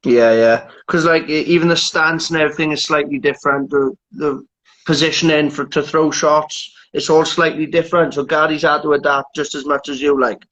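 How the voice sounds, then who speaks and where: A man's voice: on the high side, fairly even intonation, moderate pace, a bit bright. A man interviewing a guest casually, asking friendly questions and putting in short affirmations. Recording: dull lo-fi audio.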